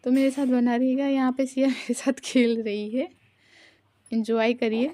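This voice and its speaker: Flat, mellow-voiced mother narrating a vlog. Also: high-pitched. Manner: halting, even delivery with many pauses. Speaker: mother and vlogger.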